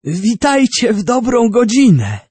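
A man voicing an excited, obsessive male cannon inventor who talks in feverish exclamations, in an audiobook. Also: very high-pitched, measured pace, slightly rough, no echo, voice pushed up, exaggerated voice. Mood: proud.

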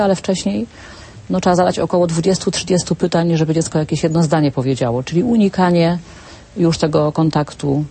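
Calm woman speech therapist, dark husky voice. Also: on the low side. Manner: calm, explanatory, uses clinical terms. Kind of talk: expert explanation on a talk show.

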